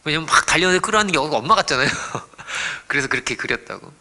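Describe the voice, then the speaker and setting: A man preaching a sermon as pastor, dropping to hushed whispers and rising to loud exclamations, often asking the congregation questions. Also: fairly high pitch, animated, fast, slight background noise. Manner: dramatic swings between hushed whispers and raised exclamations; asks the congregation rhetorical questions.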